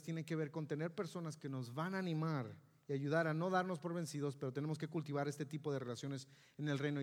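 A man with a Mexican accent preaching a sermon as pastor, often asking his congregation "yes or no?". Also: on the high side. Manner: lively, asks the congregation "¿sí o no?". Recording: reverberant hall with faint music.

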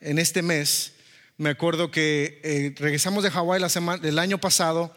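A man preaching a personal testimony, telling the story in a lively way and acting out the dialogue. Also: on the high side, moderate pace, long reverb tail. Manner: storytelling, animated, acts out dialogue. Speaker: pastor. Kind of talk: sermon testimony.

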